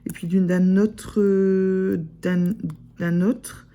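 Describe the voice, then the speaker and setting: Talking casually to camera in her vlog, this woman rambles, filling gaps and restarting sentences often. She's a sewing vlogger whose northern French accent is Picard, or Ch'ti. Her mid-range voice is mellow, her delivery flat, and she speaks very slowly.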